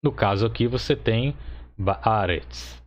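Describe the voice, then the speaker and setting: Brazilian male teacher, lowish voice, patient step-by-step explainer, muffled lo-fi recording. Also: slow. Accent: Brazilian Portuguese. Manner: explanatory, checks understanding with tag questions. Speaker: Hebrew teacher. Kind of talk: recorded grammar lesson. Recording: dull lo-fi recording.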